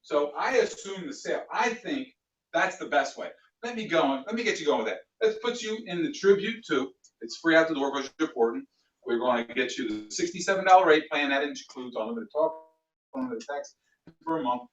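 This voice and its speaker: A man leading a sales training class, animated and acting out customer exchanges. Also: on the high side, brisk. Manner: animated, plays out customer dialogues. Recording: echoey room, distant mic, dull sound.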